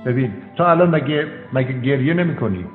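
Calm, directive male counselor. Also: medium pitch. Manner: calm, directive, repeats short commands. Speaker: counselor addressed as doctor. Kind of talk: counseling session with a storytelling aside. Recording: tinny phone-like sound, echoey hall, faint music.

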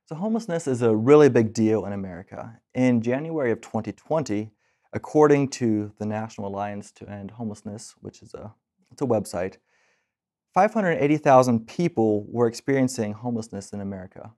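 A young man in his twenties hosting an interview, reading clear introductions and asking questions. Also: on the low side, expressive, a little fast, dark tone. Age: 20s. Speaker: podcast host. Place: bright office room with large windows. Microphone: lapel mic.

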